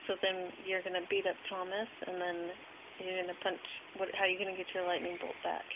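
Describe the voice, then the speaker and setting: A woman's voice: lowish voice, completely flat delivery, quick pace. A woman chatting casually and playfully, asking short prompting questions and echoing answers back. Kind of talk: casual questioning of a sleep talker. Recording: noisy, hissy, tinny phone-like home recording.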